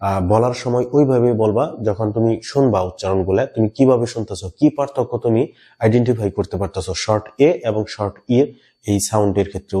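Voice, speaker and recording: A man teaching English pronunciation in an online lesson, explaining patiently and repeating example phrases slowly. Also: mid-range voice, warm tone.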